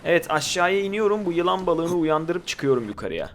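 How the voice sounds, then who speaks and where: Brief: male gaming host, slightly raised pitch, loose chatty commentary that talks back at the game, loud game audio underneath. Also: expressive, a little fast, slight background noise. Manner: chatty, talks to viewers and to the game creatures, swears when startled. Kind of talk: casual gameplay commentary.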